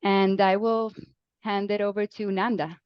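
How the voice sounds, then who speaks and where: Smooth-voiced woman from Venezuela. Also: medium pitch, little pitch movement, a little slow, dry recording. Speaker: networks lead. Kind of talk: self-introduction on a video call. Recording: dry, dull call audio.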